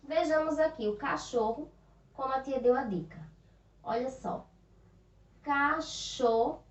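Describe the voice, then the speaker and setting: Brazilian woman, primary teacher, Northeastern accent, slightly high voice, roomy distant lo-fi recording. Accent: Northeastern Brazilian Portuguese. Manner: slow, patient, stretches out words and sounds for children. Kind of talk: recorded remote lesson for young children. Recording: roomy, distant, dull lo-fi sound.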